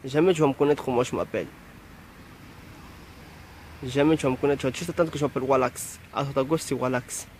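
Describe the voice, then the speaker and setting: A man's voice: mid-range voice, brisk, pauses often, darkish tone, slight background noise. A young man from Marseille giving a rambling, preachy message to his followers, often stopping to say "you see" and "anyway". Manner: rambling, preachy, repeats "tu vois" and "bref". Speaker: music producer addressing his followers. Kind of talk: casual direct-to-camera message.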